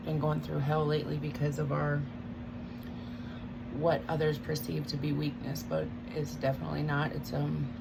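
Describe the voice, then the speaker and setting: A woman's voice: low voice, vocal fry. A woman chewing gum while she gives a casual, hesitant, rambling spiritual talk as a tarot reader. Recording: loud background noise.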